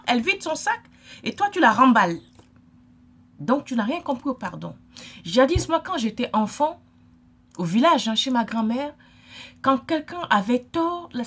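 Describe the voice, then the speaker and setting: A middle-aged woman from Africa, giving an emphatic, lecturing vlog monologue and repeating her points. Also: high voice. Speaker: vlogger.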